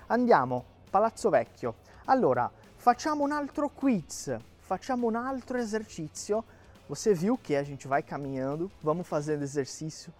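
A man from Brazil teaching Italian on a live walking lesson outdoors. He drills words slowly and checks in with listeners. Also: fairly high pitch. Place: walking outdoors in a historic city centre.

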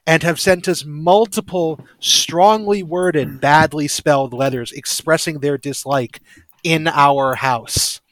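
A man co-hosting a podcast in casual chat over a remote call, teasing and expressive. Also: fairly high pitch, no echo. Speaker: podcast co-host.

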